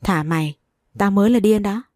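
A woman's voice: mid-range voice, moderate pace, a little mellow, no echo, clean studio sound, close to an everyday voice. A woman voicing a harsh, scheming older mother-in-law who scolds and commands in a storybook reading. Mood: menacing.

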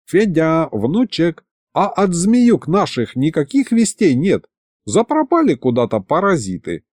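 A man's voice: on the high side, huge pitch swings, unhurried, darkish tone, no echo, clean studio sound, voice pushed up, heavily acted. Folksy old grandpa, as a man puts him on. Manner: shuffling, folksy. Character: old grandfather, cheeky and gloating.

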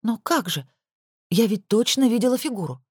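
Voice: mid-range voice, slightly rough, no room sound, studio quality, voice pushed up. A narrator putting on a flustered young woman lawyer. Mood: indignant, flustered. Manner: excitable, defensive, quick to protest.

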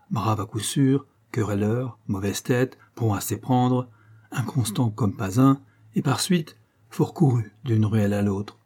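A man narrating an audiobook of a classic story in a measured, literary reading style. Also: mid-range voice, dark tone, slightly rough.

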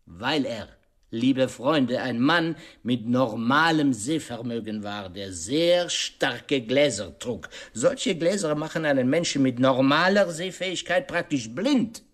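Playing a confident, sharp detective on radio, this male actor uses a medium-pitched, expressive voice. He builds his case triumphantly with rhetorical questions and pointed pauses.

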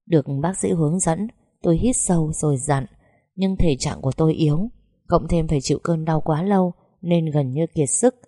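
Woman reading a first person story, low mellow voice, calm and heartfelt, dry sound. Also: normal speed, breathy edge, dry recording. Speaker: narrator. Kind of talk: first-person audiobook narration.

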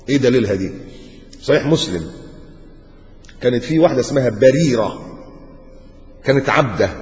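A man with an Egyptian Arabic accent giving a colloquial religious lecture, acting out dialogue with big swings in his voice. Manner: animated storytelling, acts out dialogue with big pitch swings. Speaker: preacher. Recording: muffled lecture recording with long hall reverb.

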